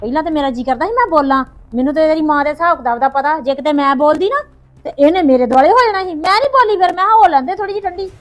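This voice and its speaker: A woman acting out a young daughter-in-law in a homemade family drama, defending herself in a quick, high stream of complaint. Her words come fast and keep piling up. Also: a bit bright. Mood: complaining.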